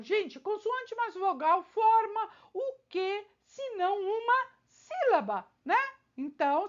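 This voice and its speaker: A woman teacher going through exam questions for her students, talking straight to the viewer with frequent rhetorical questions. Her voice sits very high and swoops a lot. The recording sounds a little dull and lo-fi. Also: fairly bright tone. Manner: talks straight to the viewer, with many rhetorical questions and check-ins. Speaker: teacher preparing students for civil service exams. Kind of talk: exam-prep lesson.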